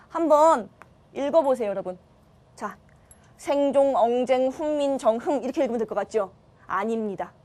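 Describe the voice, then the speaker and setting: A woman's voice: a little high, darkish tone. A woman teaching a grammar lesson online, asking her students questions and answering them herself. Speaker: Korean language teacher.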